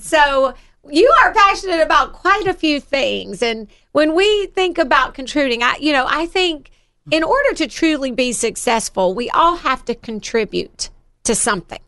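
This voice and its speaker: Bright-voiced Alabama woman hosting radio. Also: high voice, lively intonation, normal speed. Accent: Southern US, Alabama. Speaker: radio show host. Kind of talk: upbeat motivational radio interview.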